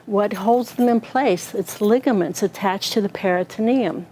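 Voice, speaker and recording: A woman's voice: mid-range voice, moderate pace, warm tone, a little hiss or hum. Woman explaining pelvic anatomy. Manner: conversational, asks the audience questions. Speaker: pelvic floor therapist. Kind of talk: health talk with anatomical model. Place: talk in front of an audience.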